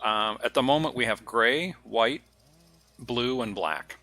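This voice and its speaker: A man's voice: medium pitch, animated, slow pace, bright, forceful tone. A man streaming a game, talking casually and rambling between jokey asides. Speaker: gaming streamer. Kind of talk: casual gameplay commentary. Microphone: headset.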